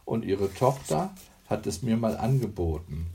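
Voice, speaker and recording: A man's voice: fairly low pitch, sing-song, unhurried, gravelly, mellow, heavily acted. A man voicing an anxious neighbour woman of about fifty who pleads for help in an audiobook. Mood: pleading. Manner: pleading, grateful.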